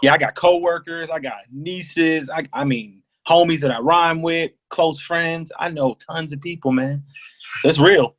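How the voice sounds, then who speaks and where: A man's voice: on the high side, unhurried, fairly bright tone, muffled recording. A man from Kansas, a rapper guest, talking easily in casual slang on a video call.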